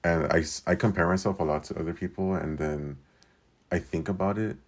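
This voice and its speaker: A man's voice: low-pitched, steady tone, brisk. A twenty-year-old man from California, talking alone in a rambling, casual way, full of "like" and swearing. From Southern California. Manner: rambling, filler-heavy with lots of "like" and frequent swearing. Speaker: podcast host. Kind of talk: casual solo monologue.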